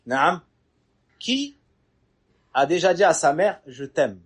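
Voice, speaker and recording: A middle-aged man preaching a lively sermon, acting out little scenes and asking the crowd questions. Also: a little high, slow pace, slightly rough.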